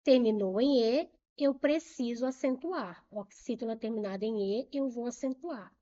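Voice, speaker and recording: A woman's voice: on the high side, normal speed, mellow, lo-fi sound. A woman with a Brazilian Portuguese accent teaching a grammar lesson for exam prep, patiently repeating rules and asking and answering her own questions.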